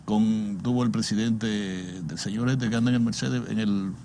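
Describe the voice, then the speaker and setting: A man's voice: lowish voice, steady tone, normal speed, warm tone, slight background noise. An older man with a Dominican Caribbean Spanish accent giving opinionated political commentary, repeating words and asking rhetorical questions. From Dominican Republic. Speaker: political commentator on a talk show.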